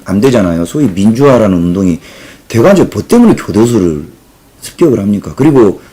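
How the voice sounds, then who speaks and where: A man from Jeolla in South Korea who hosts his own channel, reading out viewer comments and giving emphatic political commentary. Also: husky. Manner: opinionated, emphatic, lively pitch swings. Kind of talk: casual commentary.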